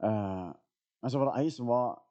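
A man in his thirties preaching a sermon in a church, telling a personal story in a relaxed way with many fillers. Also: mid-range voice, highs cut off. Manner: casual storytelling with fillers and laughs. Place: church hall.

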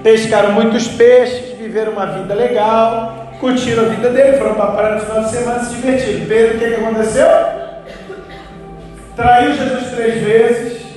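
A man preaching a lively, joking, storytelling sermon. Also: extremely high pitch, normal speed. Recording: echoey church hall, far mic, faint music.

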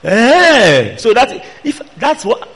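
High-pitched Nigerian male preacher, animated and admonishing. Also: slow. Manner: emphatic, admonishing, rhetorical questions to listeners. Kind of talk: sermon to a fellowship.

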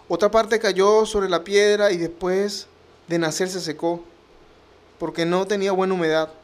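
A man preaching on a devotional radio program as its host, speaking fervently and pleading with listeners through repeated phrases. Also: high voice.

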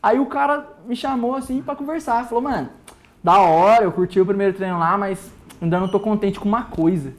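A man with a Brazilian Portuguese accent, co-hosting a podcast in casual chat and telling stories full of slang and jokes. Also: high voice. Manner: slangy storyteller, quick and joking. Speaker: podcast co-host.

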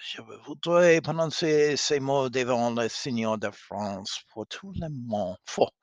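A man puts on an eager young French princess, her voice lifted and excitable. She stumbles through mixed French and English words in halting bursts. The sound is dry and close. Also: medium pitch, no room sound, close to an everyday voice. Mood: eager, scandalized.

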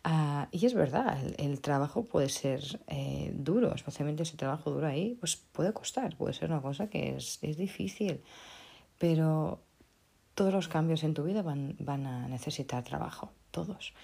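Low, gravelly-voiced woman speaker. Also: mellow. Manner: hesitant, with many restarts and tag questions. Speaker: motivational speaker. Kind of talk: unscripted motivational talk.

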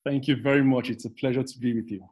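A man appears as a guest expert on a podcast, answering questions thoughtfully. He pauses often and fills the gaps with um and you know. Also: medium pitch, steady tone, a little mellow. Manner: thoughtful, hesitant with fillers. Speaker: guest researcher. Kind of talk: podcast interview.

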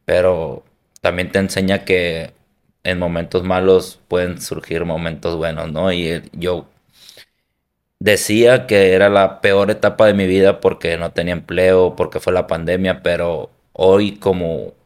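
A man's voice: low-pitched, little pitch movement, a little slow. A man from Hermosillo with a Sonoran Mexican accent, a football coach and former player, answering interview questions in an earnest, reflective way. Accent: Sonoran Mexican Spanish.

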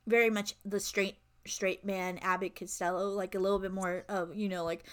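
A woman's voice: mid-range voice, level tone, normal speed, smooth. A woman co-hosting a casual chat about a film, rambling with lots of "like" and restarts. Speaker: podcast co-host.

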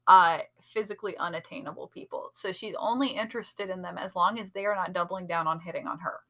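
A woman's voice: fairly low pitch, fast, a bit bright. A woman co-hosting a podcast, casually breaking down a TV episode in analytical detail, with lots of "like" and "um". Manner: chatty, analytical, many fillers like "like" and "um". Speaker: podcast co-host. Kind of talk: casual chat reviewing a TV episode.

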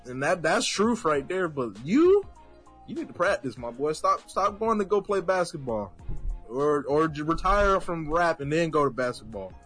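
A man's voice: fairly high pitch, very animated, normal speed, fairly bright tone, slightly rough, faint music behind. A young man co-hosting a casual podcast, ranting bluntly and repeating his points for emphasis. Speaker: podcast co-host. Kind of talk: casual opinionated chat.

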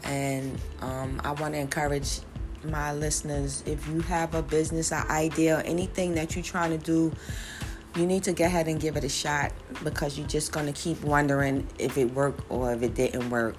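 A woman's voice: low voice, fairly even intonation, normal speed. A woman in her forties chatting casually with her viewers, rambling a little and using many fillers. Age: 40s. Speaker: vlogger and small business owner. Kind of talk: casual chat to camera. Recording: music playing behind her.

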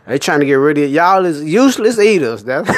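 A man's voice: fairly high pitch, a little fast. A young man delivering a profane, emphatic comic rant, laughing often. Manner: animated, emphatic and laughing, with frequent swearing.

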